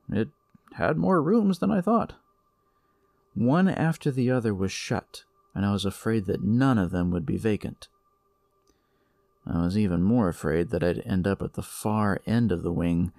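Slow gravelly man narrating horror. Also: on the low side, darkish tone, no room sound. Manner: slow, measured storytelling. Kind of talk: scripted first-person horror narration.

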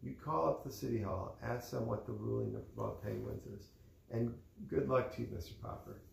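A man's voice: medium pitch, moderate pace, gravelly, a little mellow, roomy sound, slight background noise. A man reading aloud and voicing a friendly, easygoing policeman who chats and gives advice.

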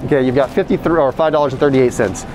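A man speaking through a face mask in a grocery store aisle, reviewing frozen food in a chatty way and reading the labels out loud. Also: mid-range voice, quick pace, background noise. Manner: chatty, reads labels aloud. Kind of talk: casual product review.

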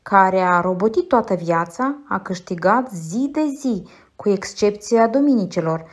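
A woman puts on a retired man in his sixties, fussy and sly, who rambles on with wheedling self-praise in a middle-pitched voice with sudden high jumps. He chuckles inwardly and lists his virtues in an audiobook reading. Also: animated, natural voice. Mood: self-righteous. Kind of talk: audiobook character voice.

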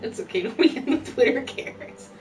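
A woman's voice: high-pitched, expressive, brisk, a little mellow, far from the mic. A woman in loose, profane banter while streaming a game, joking bluntly with her co-host. She is set back from the mic, with faint music under the talk. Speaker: gaming streamer. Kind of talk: casual chat while gaming.

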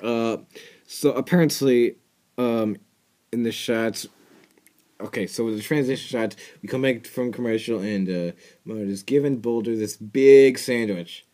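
A young man in a small bedroom rambles and jokes through a cartoon reaction video, with mumbled asides and swearing. His medium-pitched, warm voice is unhurried, captured by an earbud headset mic.

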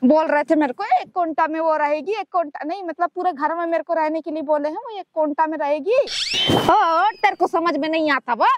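A woman's voice: very high-pitched, a little fast, dull audio, heavy background noise. A woman in a comedy sketch, chatting on the phone and bickering and scolding.

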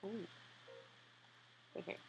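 A woman gamer giving let's-play commentary, reading the game text aloud in an animated way. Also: extremely slow, soft background music, poor audio.

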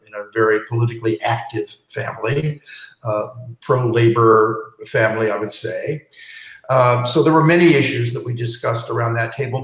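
A man's voice: mid-range voice, a bit bright. Man in his seventies, from California, earnest with fillers, headset call, roomy echo. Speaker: roundtable guest. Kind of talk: casual discussion. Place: bright living room at home. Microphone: headset on a video call.

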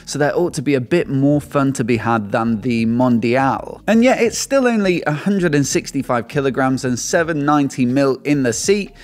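Here a motorcycle channel host with a mid-range voice talks at a moderate pace, rarely pausing. Sitting at a desk mic on a stand in a small shelved studio, he gives a lively, upbeat scripted review and sponsor segment, scoring with energy.

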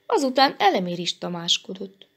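Brief: woman librarian reading aloud, mid-pitched with a gravelly edge. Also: big pitch swings, fairly bright tone. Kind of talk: children's story reading.

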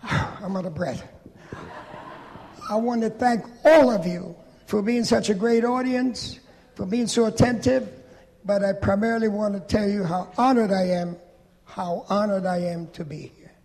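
A man's voice: sits high, measured pace, a little mellow. A man in his eighties from Poland giving a public speech in a large event hall, telling his story plainly with dry humor. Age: 80s. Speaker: Holocaust survivor and veteran speaker.

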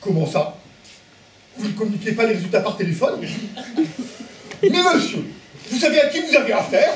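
A man's voice: sits high, very animated, moderate pace. An actor playing a boastful man who fakes a pompous doctor on a phone call, in an amateur stage play. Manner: pompous and self-important. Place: theatre stage. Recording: echoey hall from far off.

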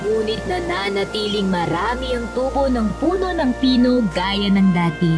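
A woman's voice: fairly high pitch, sing-song, moderate pace, over music. A woman narrating a scripted children's fairy tale as a storyteller.

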